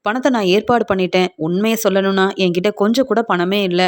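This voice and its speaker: A woman's voice: mid-range voice, a little fast. A woman retelling a TV serial episode, narrating the scenes and speaking each character's lines herself.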